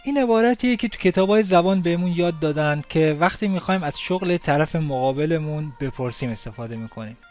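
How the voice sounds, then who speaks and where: A man giving a casual language lesson, explaining step by step and repeating English phrases slowly. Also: on the high side, animated, darkish tone. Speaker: English teacher. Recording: dull lo-fi sound with faint music.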